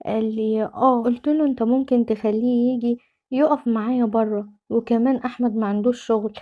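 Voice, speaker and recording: Egyptian woman narrating a story, fast pace, flat tone, higher voice, dull lo-fi recording. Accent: Egyptian Arabic. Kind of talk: first-person story narration.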